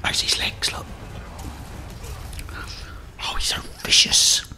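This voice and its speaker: A middle-aged British man whispers a slow, hushed running commentary in ASMR style while playing a video game.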